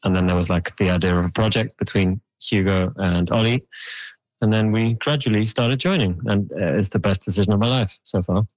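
A young man from Switzerland talking about his band in a relaxed, halting way. His voice is very low and dry, close to the mic. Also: no echo, muffled recording. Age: young adult. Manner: relaxed, hesitant, with fillers. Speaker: band member. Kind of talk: casual interview answers.

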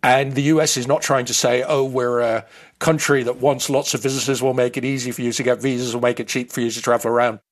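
A man's voice: medium pitch, level tone, fast talker. A man in his fifties who grew up in the Netherlands, explaining his views in a thoughtful way as an interview guest. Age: 50s.

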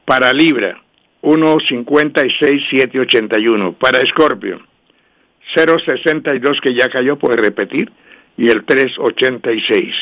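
A man's voice: mid-range voice, fairly bright tone. Man hosting a radio numbers show. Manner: brisk, repetitive, slows down to spell out numbers. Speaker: radio host and numerologist. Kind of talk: radio call-in show, dictating lucky numbers.

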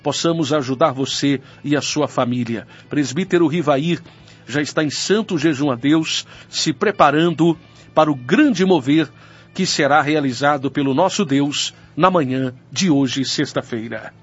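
A man's voice: on the high side, measured pace, slightly rough. A man reading a church radio schedule, urging listeners earnestly to come to services. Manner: earnest, urgent invitation. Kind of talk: scripted radio announcement. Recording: dull lo-fi radio sound.

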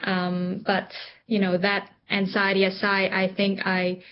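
A woman's voice: mid-range voice, completely flat delivery, measured pace, lo-fi sound, a little hiss or hum. A middle-aged woman from Hong Kong, an entrepreneur guest in an interview, speaking thoughtfully with frequent ums and restarts. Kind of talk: reflective interview conversation.

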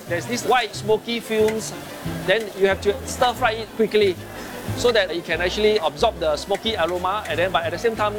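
Higher-voiced middle-aged Singaporean man, music behind. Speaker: hawker stall owner. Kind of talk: interview talk.

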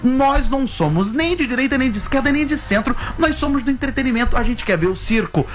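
A man's voice: very high voice, expressive, quick pace, faint music behind. A man hosting a radio talk show, chatting casually in the studio with a playful, theatrical manner.

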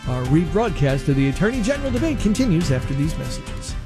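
Male station announcer, high and fast, taped off the radio, distant, music bed behind. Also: sing-song.

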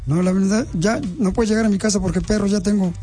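A radio prank caller who poses as a utility official in a mock-official, needling and insulting way. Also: male voice, high voice, fairly even intonation, fast talker, mellow, soft background music. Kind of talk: prank phone call.

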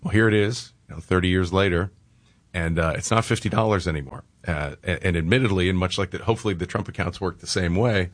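A man in his forties co-hosting a radio talk show, chatting casually and telling stories with filler pauses. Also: low voice. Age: 40s. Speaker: radio co-host.

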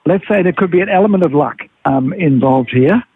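A man's voice: on the high side, expressive, brisk, husky. A man giving a laid-back, colloquial fishing report as a radio guest. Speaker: fishing tackle shop expert, radio guest. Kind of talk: casual fishing report chat. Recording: thin phone line on radio.

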